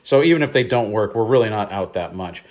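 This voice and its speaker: A man's voice: on the low side, expressive, quick pace, a little mellow. A man chatting casually about thrift finds and prices in an echoey room, thinking aloud as he goes. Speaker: thrift reseller showing his finds. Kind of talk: casual haul video chat. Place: indoor room with a table, echoey.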